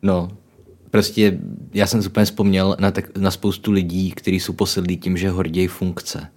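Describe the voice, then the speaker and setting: A man's voice: deep voice, flat delivery, a little mellow. A young man from the Czech Republic co-hosting a casual book chat, musing aloud with jokey asides. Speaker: podcast co-host.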